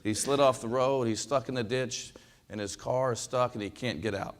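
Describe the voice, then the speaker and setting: A man's voice: mid-range voice, normal speed. A man from western Kansas, a basketball coach, giving a folksy storytelling speech with lots of fillers and repeated words. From western Kansas, USA.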